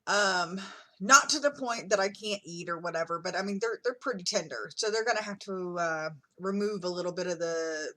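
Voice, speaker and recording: Speaking at a medium pitch with a fairly bright tone, this middle-aged woman keeps a casual video diary as a vlogger. She uses lots of fillers, restarts often, and occasionally talks with food in her mouth.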